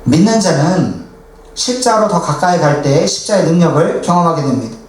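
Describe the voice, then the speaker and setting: Male pastor, high voice, earnest storytelling sermon, recorded far off in a reverberant sanctuary. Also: animated, brisk. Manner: earnest preaching, acts out quoted dialogue. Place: church sanctuary. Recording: echoey church hall, distant, faint hiss.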